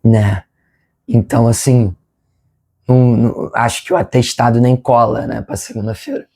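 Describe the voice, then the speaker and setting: A Brazilian man casually hosting a fan vlog, his voice hoarse, congested and nasal with a smoker's rasp, rambling apologetically as he strains past a sore throat. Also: mid-range voice, fairly even intonation, normal speed, warm tone. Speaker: football fan channel host. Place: his room at home.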